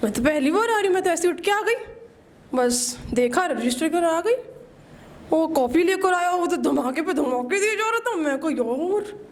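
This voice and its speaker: A nervous, shaking young woman in her twenties does her first stand-up set on a small open-mic stage with an audience, telling self-mocking college stories and acting out her strict teachers' scolding. Her voice is extremely high and animated, at a moderate pace.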